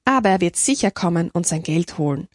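Woman doing a calm, absent-minded mother superior. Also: lowish voice, a little fast, no room sound, clean studio sound.

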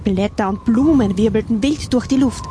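A woman reading a children's story aloud at a slow, expressive pace. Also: fairly high pitch, noisy background.

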